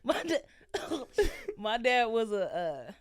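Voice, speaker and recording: Woman guest on a podcast, candid and expressive, voice a bit high, dry sound. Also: takes it slowly, dry recording. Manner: candid, expressive storytelling with laughs. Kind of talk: casual chat.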